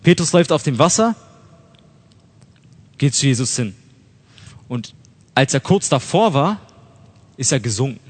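A young man gives a relaxed sermon and talks to his listeners as if chatting with friends. He slips into slang and voices people's doubts aloud. His medium-pitched voice rings out with the long reverb of a hall. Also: unhurried, long pauses, husky. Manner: conversational, slangy, acts out inner thoughts. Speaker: lay preacher. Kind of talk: youthful casual sermon.

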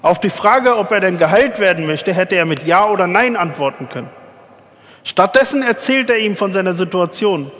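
A man's voice: high-pitched, lively intonation, moderate pace, fairly bright tone, big-room sound. A man preaching a sermon in an earnest way, speaking directly to his listeners.

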